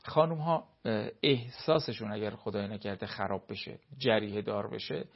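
A man's voice: fairly low pitch, creaky, dull audio. A man, a cleric, giving earnest marriage advice in an explanatory talk full of everyday examples.

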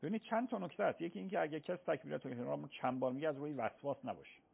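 A man's voice: fairly high pitch, creaky, slightly rough. A man, a cleric, patiently explaining religious rulings on a radio call-in show, often affirming with repeated yeses. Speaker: cleric answering religious questions. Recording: phone-like radio broadcast sound.

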